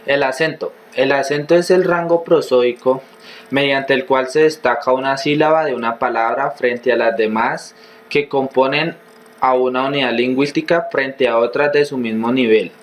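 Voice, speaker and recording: Man reading grammar rules, measured. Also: medium pitch, fairly even intonation. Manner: reads steadily in a measured, list-like way, with fillers. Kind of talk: reading a grammar lesson aloud.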